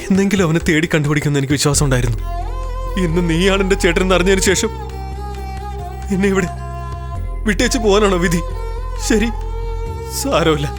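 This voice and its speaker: A man's voice: high-pitched, a little fast, long pauses, natural voice. An actor dubbing an earnest young man pleading with his newly found twin brother. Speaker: long-lost twin brother. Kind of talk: Malayalam film dub. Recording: film soundtrack with loud music.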